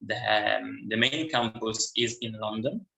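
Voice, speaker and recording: A man's voice: on the low side, a little slow, gravelly, bright, forceful tone, reverberant, poor audio. A young man in his twenties from Italy with an Italian accent, a university student talking casually as an interview guest, hesitant with many fillers and restarts.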